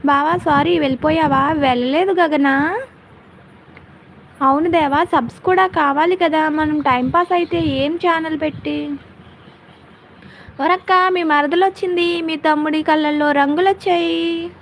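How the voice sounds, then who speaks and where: A woman's voice: high-pitched, steady tone, unhurried, long pauses, a little hiss or hum. A woman hosting a casual live stream, chatting with viewers and answering their comments by name.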